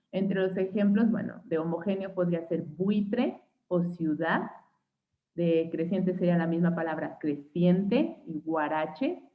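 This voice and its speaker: A young Mexican woman teaching an online phonetics class, patiently spelling out examples and checking in with her students every few sentences. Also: mid-range voice. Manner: checks in with frequent "¿sí?" and "¿va?". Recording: tinny phone-like line.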